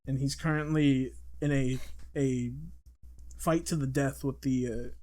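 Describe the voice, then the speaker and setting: A man narrates as game master of a loose comedy role-play and rambles through his scenes. He keeps restarting his sentences. His voice is fairly flat in pitch. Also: unhurried. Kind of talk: casual improvised game narration.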